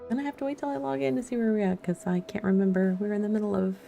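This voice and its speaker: Over relaxed background music and game audio, a woman streams a let's-play, muttering and thinking out loud. She talks rapid-fire at a medium pitch, her tone steady and creaky.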